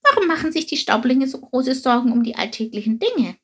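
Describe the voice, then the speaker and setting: A woman's voice: sits high, a little fast, slightly rough, voice pushed up, exaggerated voice. Chilp, a woman doing a chirpy young sparrow. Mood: curious. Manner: excited, chirpy questions. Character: eager curious male sparrow chick. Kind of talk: storybook reading.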